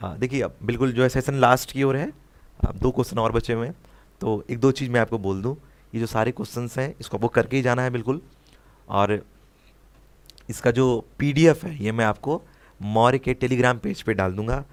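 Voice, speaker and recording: A young Indian man, mid-pitched, teaches an exam-prep class online. He speaks with an Indian English accent, walks through each answer, and keeps checking in with his students. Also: normal speed. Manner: explains answers, mixing Hindi with English phrases, often asks "है ना?".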